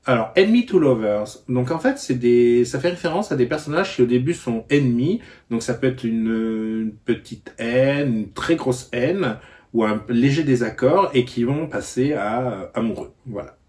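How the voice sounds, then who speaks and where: A man talking casually in a book vlog, explaining terms in a halting way and often pausing to search for words. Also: mid-range voice, expressive, darkish tone. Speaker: book vlogger.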